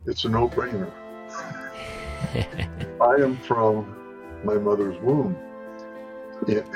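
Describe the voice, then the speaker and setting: A man in his sixties from Southern California, retelling a family story in a steady, plain way as an interview guest. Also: on the low side, drawn-out words, soft background music, low-quality recording. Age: 60s. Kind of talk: storytelling in a conversation.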